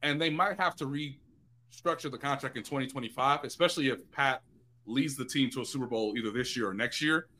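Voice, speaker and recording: A man talking as a sports reporter guest in a casual podcast chat, animated and excitable, jumping up in pitch for emphasis. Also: fairly quick, a little hiss or hum.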